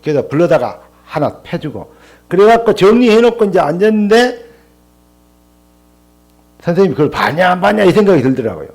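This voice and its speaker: An older pastor delivers a sermon in church, slipping into stories from his school days and voicing the people in them. His voice sits slightly high and swings widely in pitch as he talks. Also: brisk, long pauses. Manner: animated storytelling with quoted dialogue.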